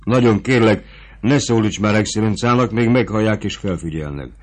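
A man's voice: lowish voice, close to an everyday voice. A man voicing a young nobleman on the run, who speaks directly and pleadingly. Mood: urgent.

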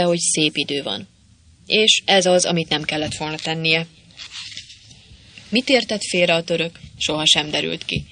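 An audiobook narrator reading a comic story in a clear, even storytelling manner. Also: mid-range voice, slight background noise. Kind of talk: scripted narration.

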